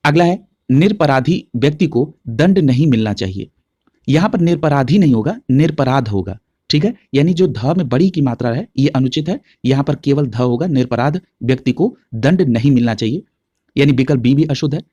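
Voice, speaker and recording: A man's voice: mid-range voice, expressive, normal speed, mellow, no echo, highs cut off. A man teaching an exam-prep lesson, working through past paper questions step by step and checking in with listeners often. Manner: methodical, explains step by step with frequent check-ins.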